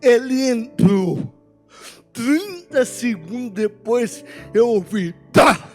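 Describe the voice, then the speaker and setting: Very high-voiced Brazilian preacher, slow and emotional. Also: male voice, expressive, soft background music. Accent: Brazilian Portuguese, Minas Gerais. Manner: emotional storytelling, acting out dialogue. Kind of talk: sermon with personal story.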